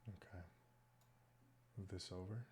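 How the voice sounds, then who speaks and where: A man thinking aloud as he plays online chess, muttering moves and often dropping to a hushed near whisper. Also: deep voice, fairly even intonation, measured pace, noisy background. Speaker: chess streamer.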